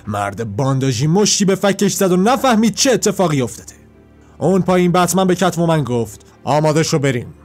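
A man with a fairly high voice retells a comic story panel by panel in a plain, steady way. Soft music runs faintly behind him. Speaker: comic book narrator.

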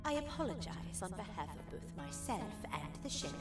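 A woman voicing a solemn, regal creature queen and worried mother in a video game, speaking in a measured, formal way. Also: mid-range voice, sing-song, natural voice. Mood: solemn, weary. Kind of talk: video game character acting. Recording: echoey, distant, under loud music.

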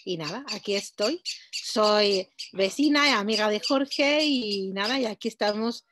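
Chatty woman from Mexico, mid-pitched. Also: unhurried, no echo. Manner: chatty, relaxed. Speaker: participant. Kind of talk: casual self-introduction. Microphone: video call.

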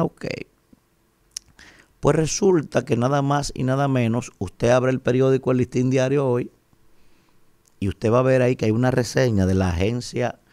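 A man's voice: medium pitch, a little mellow, no room sound. A man in his forties with a Dominican Spanish accent, giving emphatic, rhetorical opinion commentary on the radio and asking "¿verdad?" again and again. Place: radio studio, indoors. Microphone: studio mic on a boom arm.

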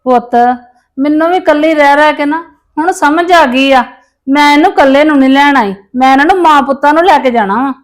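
In a scripted village family drama, a woman plays a mother-in-law who pleads and apologizes to get her grandson back. Her voice sits high and she speaks briskly, in a pleading, self-pitying way.

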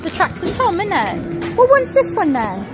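A woman's voice: extremely high pitch, huge pitch swings, normal speed, a crowd in the background. A woman chatting casually with a child while filming on a phone in an indoor amusement arcade. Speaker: parent filming a family outing. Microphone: handheld phone camera. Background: music from kiddie rides.

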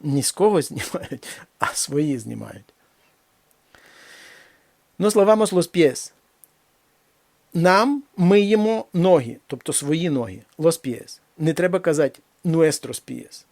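Man teaching a language lesson, fairly high gravelly voice, slow careful examples, dry close sound. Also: animated, darkish tone, no room sound. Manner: slow, deliberate reading of examples, then explains. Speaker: Spanish teacher.

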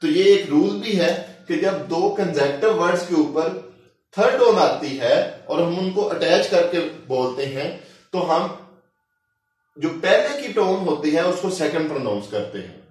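A man teaching Chinese tones, talking slowly and deliberately and repeating each syllable for practice. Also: on the high side, lively intonation. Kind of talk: recorded language lecture. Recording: very echoey room, mic far off.

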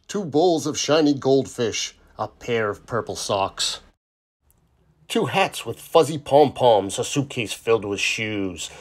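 In a medium-pitched voice, a man tells the story of a children's picture book aloud with expressive storytelling.

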